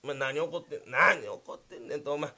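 A man with a Kansai accent voicing a flustered male night watchman who talks fast and scolds. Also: a little high, vocal fry, bright, forceful tone, pitched below the performer's own voice, heavily acted. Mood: grumbling.

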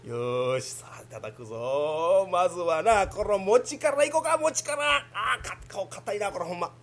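Grumbling Kansai comic with a high voice. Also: male voice, expressive, moderate pace, a bit bright. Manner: grumbling, self-mocking asides. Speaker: podcast comedian. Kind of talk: solo comic sketch narration.

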